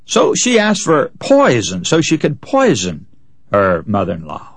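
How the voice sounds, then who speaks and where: A man's voice: medium pitch, huge pitch swings, measured pace, no echo. A man preaching a sermon, telling illustrative stories and addressing listeners as friends in an earnest, folksy way.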